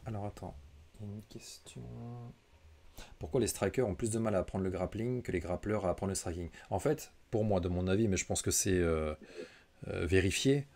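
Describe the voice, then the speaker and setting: Male co-host, slightly low voice, relaxed conversational delivery for a casual question-and-answer livestream. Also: a little fast. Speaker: co-host reading out viewer questions.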